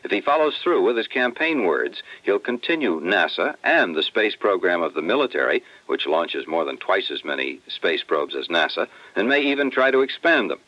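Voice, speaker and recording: A man with a fairly low voice reads a scripted news report in a formal, measured way. His voice comes through a dense, dull old radio broadcast with a narrow, lo-fi sound. The room is dry, with no echo. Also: sing-song. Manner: formal, measured newsreader delivery. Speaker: news correspondent.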